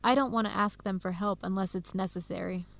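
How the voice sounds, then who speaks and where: In an educational radio drama, a woman plays a friendly young Ethiopian American grad student with an American accent, speaking conversationally and earnestly. Her natural voice is medium-pitched, steady, brisk, and creaky.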